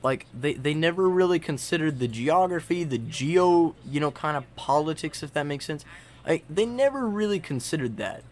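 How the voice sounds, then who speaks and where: Chatty young man with a higher voice. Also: expressive, moderate pace, a little mellow. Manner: rambling, frequent fillers and restarts. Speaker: video creator. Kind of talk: casual map-editing commentary.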